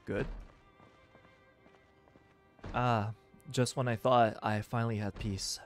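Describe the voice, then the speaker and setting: A man's voice: medium pitch, fairly even intonation, slow, soft background music. A man streaming a game, chatting casually to viewers and exclaiming over the items he finds. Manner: chatty, exclaims at found items, teases chat. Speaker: livestreamer. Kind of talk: casual gameplay commentary.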